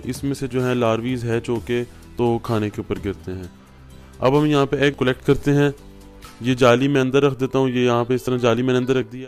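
A man from Pakistan giving a patient step-by-step farming tutorial at a work table indoors. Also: mid-range voice. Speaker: farming instructor. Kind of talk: home how-to tutorial.

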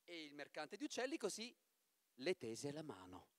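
An actor reading a fairy tale aloud in a church, dramatic and expressive. His voice sits high and moves in wide, lively swings. The sound is dry and close. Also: normal speed, no echo.

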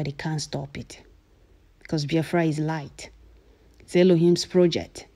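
A woman's voice: low-pitched, mellow. A Nigerian woman giving emphatic, repetitive news commentary as an activist over event footage.

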